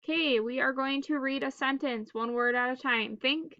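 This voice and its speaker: A woman teacher leading a phonics drill for children in staccato, clipped single words with pauses between them. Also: high voice, clear, resonant tone, no echo, muffled recording.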